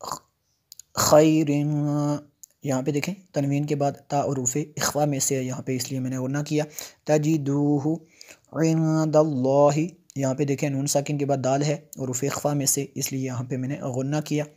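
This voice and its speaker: A male teacher walks through Quran recitation rules step by step. His delivery stays level and flat, broken up by frequent "uh" pauses as he explains each rule in plain teaching talk. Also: medium pitch. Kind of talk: tajweed lesson, recitation with explanation.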